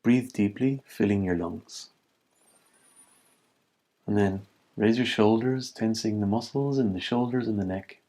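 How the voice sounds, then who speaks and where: A man with a lowish voice leads a guided body scan meditation as the instructor. He gives calm, measured directions in short phrases separated by pauses.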